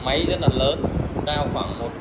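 A man showing an air cooler in a casual walkthrough, halting with fillers and counting parts aloud. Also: on the high side. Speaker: salesman demonstrating an air cooler. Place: large tiled showroom indoors. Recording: echoey room with loud fan noise.

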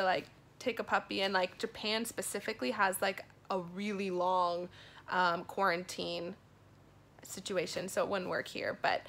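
A young woman with a fairly high, bright and forceful voice. She talks casually to her phone like a vlogger, earnest and emphatic as she encourages her viewers. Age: young adult. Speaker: vlog host giving an encouragement message. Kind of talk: casual motivational talk to camera. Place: small indoor room at home. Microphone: phone at arm's length.

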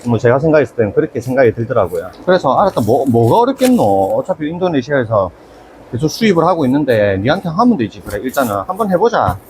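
Gyeongsang-accented shop owner, storytelling vlog, swooping pitch, noisy room behind him. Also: male voice, quick pace. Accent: Gyeongsang Korean. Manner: animated, retells his own angry exchanges. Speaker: aquarium business owner. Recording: noisy ambient background.

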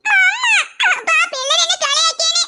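A woman's voice: very high-pitched, animated, brisk, bright, forceful tone, slight background noise, heavily acted. A woman voicing a small girl who whines and cries to her mother in a cartoon. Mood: tearful whining. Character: little girl, whiny and tearful.

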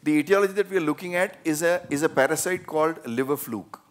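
A man's voice: a little high, fast, slight background noise. A man, a surgeon speaking on a panel in an auditorium. He explains earnestly into a handheld mic, with sudden emphatic bursts. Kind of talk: panel discussion answering questions. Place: large auditorium stage. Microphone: handheld microphone.

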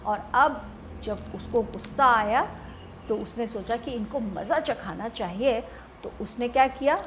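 A woman teacher reading a story aloud to young pupils, often pausing to ask and explain. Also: a little high, slight background noise. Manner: asks the class questions, repeats and explains. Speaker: primary school teacher.

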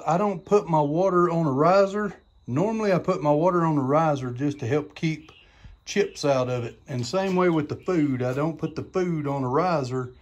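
A man, chatting folksy and casual while filming himself on a phone at a farm. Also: on the high side. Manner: folksy, chatty, says y'all. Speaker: homesteading vlogger. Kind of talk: casual how-to vlog. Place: farm barn and backyard outdoors. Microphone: phone camera at arm's length.

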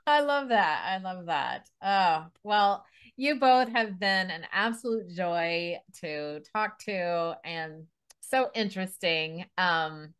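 A woman hosting a relaxed podcast conversation. Her voice sits a little low, and she talks in a bubbly, chatty way. She laughs easily and often restarts her sentences. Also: takes it slowly, smooth. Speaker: podcast host. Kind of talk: casual interview chat.

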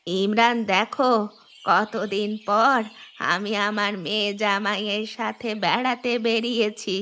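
In a cartoon with background music recorded in a studio, an older woman voices a widowed, aging mother-in-law who laments and scolds. Her mid-range voice has fairly even intonation and a sharp tone, moving a little slowly with a sorrowful mood.

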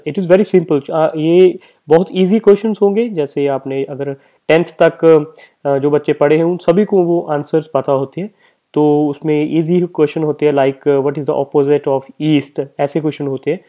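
A man's voice: a little high, warm tone. A man from India explaining an exam's speaking section in a casual lecture, with frequent filler sounds and self-corrections. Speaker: exam coaching channel host. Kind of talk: casual Hindi-English lecture.

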